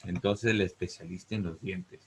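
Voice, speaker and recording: A man's voice: low-pitched, fairly even intonation, normal speed, slightly rough. A man teaching a class on word roots, who stretches out key words and keeps checking in with "¿correcto?" and "¿te das cuenta?". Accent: Peruvian Spanish. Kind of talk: classroom lesson on Greek roots.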